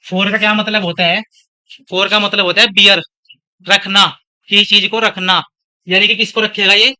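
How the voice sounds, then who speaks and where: A man's voice: high-pitched, flat delivery, moderate pace, bright, forceful tone, clean tone. A young man from India teaching a classroom lesson. He talks in a chatty, scolding way and drifts into stories about himself between points. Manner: scolding, chatty, switches between lecture and anecdotes. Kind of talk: classroom lecture.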